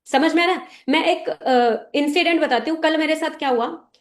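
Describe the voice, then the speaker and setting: Brief: a woman with a high voice leads a team meeting, firm and instructive, often checking everyone is following. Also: normal speed. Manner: direct and instructive, often checking listeners understand. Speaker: team leader addressing a business meeting. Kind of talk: motivational talk to a sales team.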